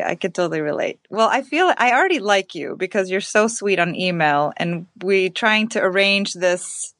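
A woman's voice: on the low side, dry recording. Giggly woman host, dry close sound. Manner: warm, giggly, upbeat. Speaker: podcast host. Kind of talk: casual interview chat.

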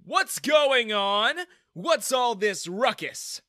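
A haughty, scornful male bank manager in a narrated story, mocking loudly and dragging out his words, as a male storyteller puts him on. The voice sits well above the narrator's own, bright and pushed. The recording is dry and close. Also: very high-pitched, very animated, no echo, voice pushed up, full character voice. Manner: mocking, loud, drawn-out.

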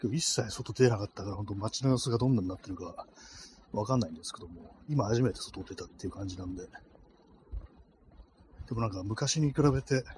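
A man with a lowish voice chats loosely into a phone as he walks outside at night. He rambles and hesitates, stringing thoughts together with fillers. Faint street ambience sits under his voice. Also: fast, darkish tone, a little hiss or hum. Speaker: podcast host. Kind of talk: casual solo talk while walking. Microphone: phone held in cold hands.

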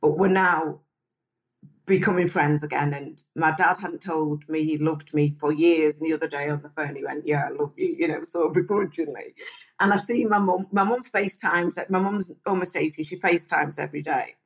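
An interview guest with a deep female voice tells her life story at a normal pace. She's frank and chatty, mimicking people whenever she quotes them in this candid personal storytelling.

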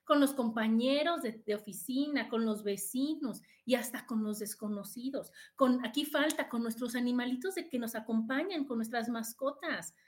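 A woman's voice: fairly high pitch, moderate pace, few pauses. A middle-aged Mexican woman hosting a podcast, giving chatty, casual advice to her live listeners and often checking in with "¿no?". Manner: chatty, tags "¿no?" after points. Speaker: podcast host.

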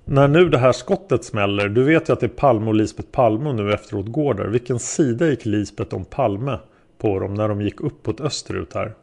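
A man with a fairly low, gravelly, somewhat dark voice reads aloud from an interrogation transcript. He voices the questions of a methodical male police interrogator in a probing way.

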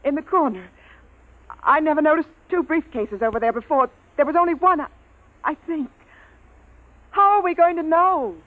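A woman playing an anxious high-voiced officer. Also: moderate pace, long pauses, natural voice. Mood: frightened. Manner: worried, tense. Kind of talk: 1950s radio drama acting. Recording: tinny old radio broadcast.

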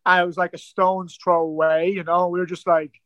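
A man from Ireland, a guest rower, tells his story in a casual interview, rambling and full of "like" and "kinda". His high-pitched voice is brisk with little pitch movement, and the highs are cut off.

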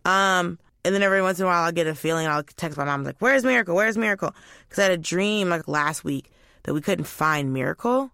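A woman telling stories in a casual chat, animated, jumping into high squeaky voices for the people she quotes. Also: fairly quick, clean tone, dry recording, clean studio sound. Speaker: guest.

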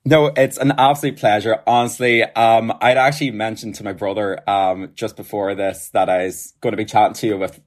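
A man's voice: fairly low pitch, steady tone, a little fast, hardly any pauses. A man with an Irish accent hosting a casual interview podcast in a rambling, self-deprecating, hesitant way. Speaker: podcast host.

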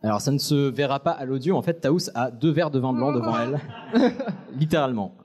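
A man's voice: medium pitch, fairly quick, darkish tone. A man hosting a podcast in front of a live audience, with playful, teasing banter that hops between jokes and running the show. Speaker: podcast host.

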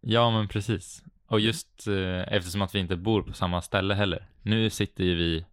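A man speaks Swedish with a Stockholm accent in a low register. He chats casually as a podcast co-host, and the sound is dry, with very little room on it. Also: steady tone, dry recording. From Avesta, Dalarna, Sweden. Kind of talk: casual chat.

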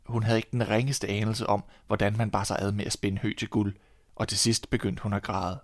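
A Danish man reading a fairy tale aloud in a calm, measured storytelling manner. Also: on the low side, dry recording, clean studio sound.

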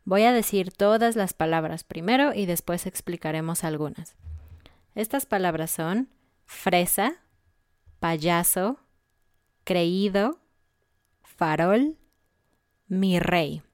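Mexican woman, lowish smooth voice, patient teacher, dry close sound. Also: animated, slow pace, pauses often, no echo. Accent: Mexican Spanish. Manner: clear, explaining with examples. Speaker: Spanish teacher. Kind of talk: casual language lesson.

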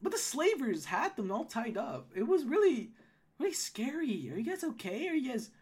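A man's voice: extremely high pitch, sing-song, a little mellow, breathy edge, voice pushed up, heavily acted. A man voicing a chatty, friendly female gnome in a tabletop game. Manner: bubbly, fast and friendly.

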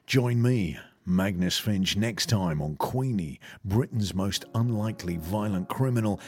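An actor playing an earnest documentary presenter in a mockumentary, who asks probing questions. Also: male voice, on the low side, a little slow, darkish tone, lightly acted. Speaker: host. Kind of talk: mockumentary narration and interviewing.

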